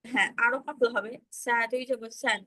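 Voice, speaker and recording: A woman's voice: fairly high pitch, steady tone, normal speed, bright, forceful tone. A woman teaching Arabic letter pronunciation in an online class over a video call, patiently repeating sounds for students to echo. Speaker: Quran recitation teacher.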